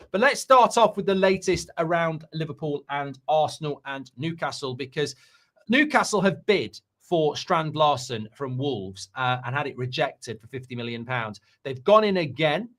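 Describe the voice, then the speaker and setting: A man hosting a football talk stream, holding forth at an everyday middle pitch. He talks at length and in detail, often pausing on fillers and restarting his sentences. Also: fairly bright tone. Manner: talkative, hesitant with fillers and restarts. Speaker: football channel host. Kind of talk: casual football chat show.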